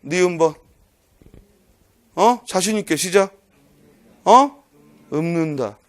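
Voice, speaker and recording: A man with a fairly high voice gives an online exam-prep lecture. He is a middle-aged teacher who quizzes his students aloud and counts letters off one by one. His manner is brisk and scolding, with a teasing edge. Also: animated. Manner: drills by counting letters out loud.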